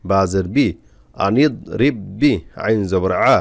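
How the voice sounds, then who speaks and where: A man teaching Quran reading, spelling out letters and syllables slowly with frequent pauses. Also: lowish voice, lively intonation, no room sound. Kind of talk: step-by-step spelling lesson.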